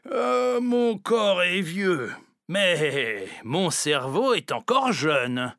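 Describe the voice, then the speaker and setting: A man voicing a proud, wry old male house cat who narrates his story slowly, with chuckles. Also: high voice, big pitch swings, vocal fry, fairly bright tone, dry recording, studio quality, heavily acted.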